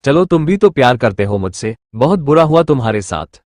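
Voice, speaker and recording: Man reading as a sharp-tongued scheming young bride for an audio story, lively, dry read. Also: mid-range voice, brisk, no room sound, close to an everyday voice. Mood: mocking. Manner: mocking, defiant.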